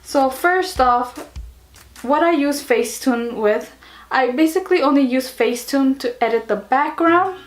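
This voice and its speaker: High-voiced chatty young woman vlogger. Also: measured pace, soft background music. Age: 20s. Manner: chatty, giggly, self-mocking. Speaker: beauty and lifestyle vlogger. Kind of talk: casual chat to camera.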